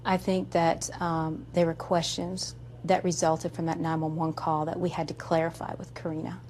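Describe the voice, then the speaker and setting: A woman's voice: low voice, flat delivery, moderate pace, darkish tone, slight background noise. A woman answering interview questions as a police spokesperson, careful and hesitant.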